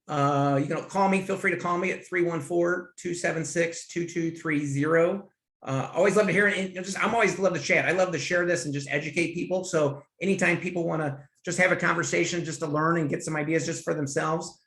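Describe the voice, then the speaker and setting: A man with a fairly high voice speaks eagerly on a podcast, looping through restarts and little asides. The room around him is echoey. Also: steady tone, fairly quick, fairly bright tone. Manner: enthusiastic, rambling with restarts and "hey" asides. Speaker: guest, finance consultant. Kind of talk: conversational interview. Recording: roomy echo.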